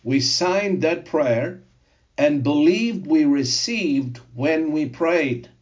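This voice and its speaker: Slow and emphatic, an older man from Zimbabwe whose native tongue is Greek delivers a sermon woven with personal testimony. His pitch is fairly high, and the sound quality is lo-fi.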